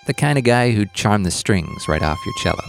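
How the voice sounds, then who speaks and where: A man's voice: on the low side, huge pitch swings, a little fast, soft background music. A man narrating a story podcast as its host, in a dry, wry scripted delivery.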